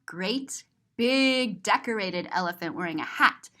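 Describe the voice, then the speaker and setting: Her mid-range voice is pushed and bright, with lively intonation and a measured pace. She's a teacher reading a picture book to children, expressively and playfully talking through the illustrations in an animated read-aloud.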